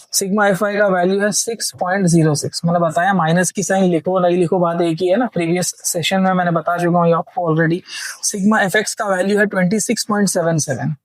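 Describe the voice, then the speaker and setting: The audio is poor and dry, carrying a man's high-sitting voice as he guides students step by step through an engineering problem. Patient throughout, he keeps checking understanding with "theek hai" and blends English technical vocabulary into his Hindi.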